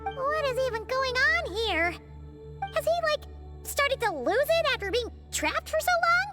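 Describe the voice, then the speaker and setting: A tiny, childlike game fairy. The voice is extremely high and squeaky, lively and blunt, with loud music behind it. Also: female voice, unhurried, heavily acted. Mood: baffled. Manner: refers to self in third person, blunt. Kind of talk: scripted game dialogue.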